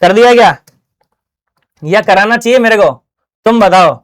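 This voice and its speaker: A man's voice: sits high, moderate pace. Chatty male physics teacher. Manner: chatty, slangy, keeps asking "है ना?". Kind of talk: casual online exam-prep lesson. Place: small closed studio.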